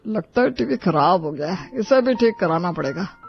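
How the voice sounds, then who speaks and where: A woman voicing a fretful, superstitious mother-in-law in an animated storybook, with a nervous, scolding manner. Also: lowish voice, normal speed, creaky, slightly rough, heavily acted. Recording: dull lo-fi audio with music.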